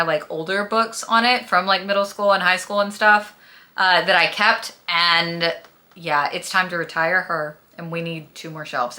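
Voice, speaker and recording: A young adult woman talks to the camera about books as a vlogger, casual yet emphatic and gushing. Her voice is medium in pitch, pushed and bright.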